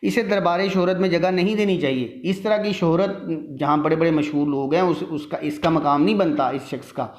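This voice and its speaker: In a literature lesson, a man with a fairly high, slightly mellow voice works through a text word by word, explaining each word and line step by step. He sounds tired from talking for a long time.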